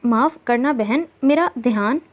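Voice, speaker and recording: A woman's voice: fairly high pitch, measured pace, natural voice. A woman voicing a fond, fussy older aunt in a storybook reading. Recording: dull lo-fi recording.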